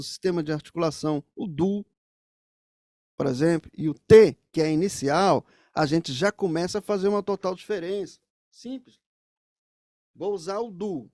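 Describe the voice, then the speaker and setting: Man, saxophone teacher, music lesson, explanatory, high voice, dry sound. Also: darkish tone, dry recording. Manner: explanatory, talks straight to the viewers.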